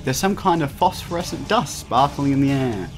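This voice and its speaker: With lively intonation at a moderate pace, a young man's mid-range voice reads out a visual novel's text during a let's play, backed by video game music. He stumbles often, makes joking asides, and repeatedly laughs mid-read.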